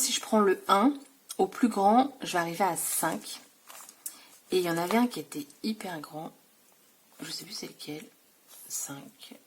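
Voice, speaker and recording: A woman talks casually through a scrapbooking haul at a middle pitch. She rambles, fills pauses and corrects herself as she goes, with a faint noise floor under the recording. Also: darkish tone. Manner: chatty, many fillers and self-corrections. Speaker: scrapbooking vlogger.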